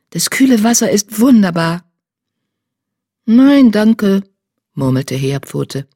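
A reader calmly narrating a children's animal novel in measured storytelling. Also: medium pitch, no echo, clean studio sound. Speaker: audiobook narrator. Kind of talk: scripted narration.

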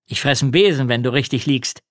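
A man reading an audiobook, voicing a cheerful, excitable father who loves football. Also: mid-range voice, a little fast, no room sound, clean studio sound, natural voice. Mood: jovial. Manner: excitable, jovial. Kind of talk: audiobook character voice.

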